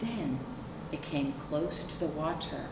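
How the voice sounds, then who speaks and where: Deep-voiced and animated, a middle-aged librarian reads a picture book to young children at storytime, explaining slowly and deliberately while tossing out rhetorical questions. She's indoors near a sofa, recorded from a camera a few feet away in a noisy, echoing room.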